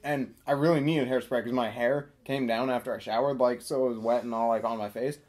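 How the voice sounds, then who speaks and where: A man casually telling a funny personal anecdote, animated and giggly, swearing freely and acting out his friends. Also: mid-range voice, brisk. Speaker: storyteller.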